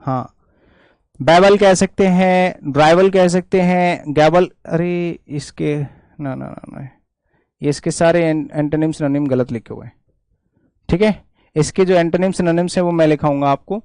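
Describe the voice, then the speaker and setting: A man's voice: fairly high pitch, measured pace, darkish tone, no room sound. A man teaching vocabulary for exams, explaining each word with memory tricks and checking in with "theek hai" over and over. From India. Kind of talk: exam-prep vocabulary lesson.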